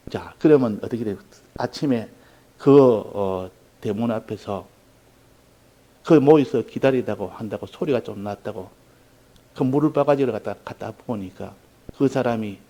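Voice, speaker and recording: A man preaching a sermon, telling a story in an earnest way, with sudden loud emphasis. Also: mid-range voice, poor audio. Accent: Korean. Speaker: pastor.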